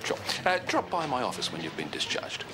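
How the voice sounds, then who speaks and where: An actor playing a blustering, sardonic middle-aged boss in a TV soap. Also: male voice, mid-range voice, wildly swooping pitch, fairly quick. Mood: placated. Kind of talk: television soap opera dialogue. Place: large indoor clinic reception. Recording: noisy ambient TV soundtrack.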